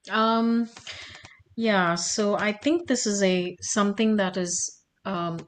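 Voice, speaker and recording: A woman's voice: medium pitch, takes it slowly, slight background noise. A woman on a group video call asking a question in a hesitant way, searching for her words. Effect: heard over a video call.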